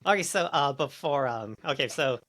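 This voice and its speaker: A man's voice: fairly high pitch, animated, normal speed, a bit bright. A man hosting a casual podcast chat, talking in a hesitant way with many fillers and restarts. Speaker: podcast host.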